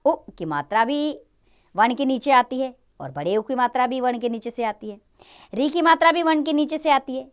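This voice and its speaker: A woman with a fairly high voice, teaching grammar to children in a classroom lesson. Her pitch rises and falls a lot as she explains step by step. She poses questions and answers them herself. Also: lively intonation, moderate pace, clean tone.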